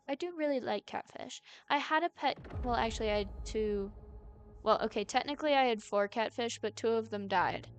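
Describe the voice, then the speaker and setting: A woman live streaming in casual chat, rambling, giggly and playfully argumentative, often correcting herself mid-thought. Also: mid-range voice.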